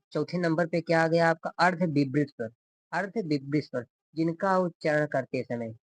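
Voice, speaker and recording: A male teacher giving a grammar lecture, repeating definitions and asking the class questions before answering them himself. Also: fairly high pitch.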